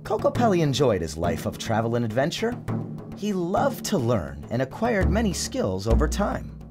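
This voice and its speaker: Here the author of a children's storybook narrates it with theatrical flair and plenty of expression. His voice is medium in pitch, his pace is moderate, and music and sound design play behind him.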